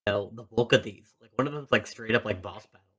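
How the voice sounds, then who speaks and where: A man's voice: lowish voice, fast, husky. A man in a casual chat, musing and trailing off.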